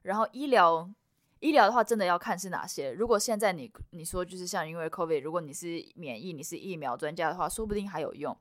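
Woman, immigration consultant, rapid explanatory delivery, slightly low voice, dry close sound. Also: animated, no echo. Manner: mixes English terms into Mandarin. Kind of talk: expert interview answers.

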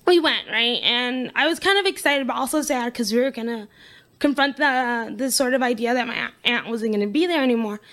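A young woman from the United States telling a personal story casually, chatty and full of "like" fillers, acting out what people said. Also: a little high. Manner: chatty, heavy use of "like" fillers; animated, acts out quoted speech.

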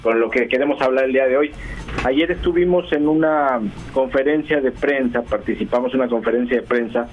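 A man, a guest journalist chatting on a radio interview, talking at length with many fillers and pauses. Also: medium pitch, slight background noise. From Mexico. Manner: talkative, thinking aloud with many fillers. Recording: dull lo-fi radio line, faint music.

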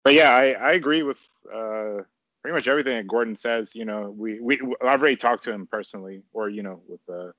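A man with a lowish voice speaks casually, pausing often and restarting his sentences. The recording is dry and close, with no room sound. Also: fairly bright tone, dry recording. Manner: hesitant, full of fillers and restarts. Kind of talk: casual conversation.

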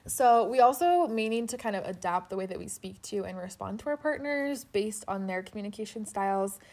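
A woman's voice: medium pitch, expressive, a little mellow. A woman co-hosting a casual chat, talking with many fillers and laughing easily, recorded on the floor under a blanket fort. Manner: chatty, quick to laugh, filler-heavy. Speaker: podcast co-host.

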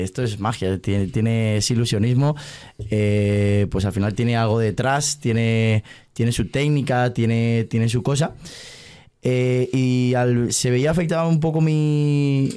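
Young guy from spain chatting on a podcast, tells it all animated, lots of fillers. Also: mid-range voice, clear, resonant tone. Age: 20s. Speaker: magician guest. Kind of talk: casual podcast chat. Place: podcast studio.

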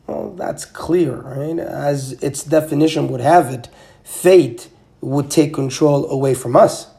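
Man, congested, gravelly, mellow, musing podcast monologue. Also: mid-range voice. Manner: musing, asks rhetorical questions. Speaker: podcast host. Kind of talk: casual reflective monologue.

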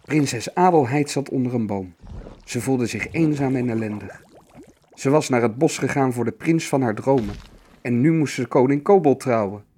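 A man narrating a fairy tale in an expressive, storytelling manner. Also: medium pitch, moderate pace, breathy edge.

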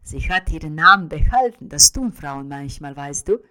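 A woman voicing a calm, self-assured middle-aged husband who speaks in a measured way. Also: fairly high pitch, smooth. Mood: composed.

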